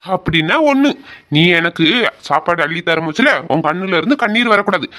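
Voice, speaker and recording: A performer voicing a caring older brother who softly reassures his younger sister in an amateur audio drama. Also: mid-range voice, animated, fairly quick. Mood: reassuring. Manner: soft, reassuring, affectionate.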